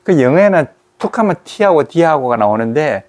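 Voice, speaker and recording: A man teaching English pronunciation, repeating example words slowly and drawn out. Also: fairly high pitch, big pitch swings, a little mellow. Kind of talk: explaining and demonstrating pronunciation.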